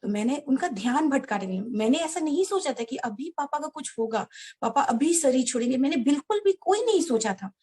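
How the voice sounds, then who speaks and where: A woman telling a personal story to a devotional gathering, earnest and halting, often addressing her listeners directly. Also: sits high, animated, warm tone, slightly rough. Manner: many restarts and hesitations. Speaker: devotee sharing a personal experience. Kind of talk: heartfelt personal storytelling to an audience.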